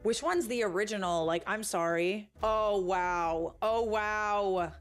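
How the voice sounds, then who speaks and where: A woman talks through a reaction video in a loose, casual way. She is effusive and quick to exclaim. Her voice sits at an ordinary middle pitch. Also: clean tone, soft background music.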